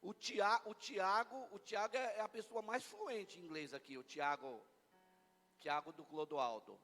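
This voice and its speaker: A man with a Brazilian Portuguese accent preaching a lively Easter sermon as pastor, bantering playfully with his congregation. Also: sits high, a little slow, soft background music. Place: church hall. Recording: long church hall reverb.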